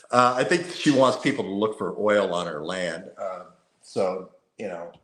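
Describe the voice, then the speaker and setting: A man's voice: on the low side, slow pace, a bit bright. A man talking on a talk show, emphatic and fond of repeating his points for effect. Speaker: guest. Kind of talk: conversational talk-show commentary. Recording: roomy echoey sound.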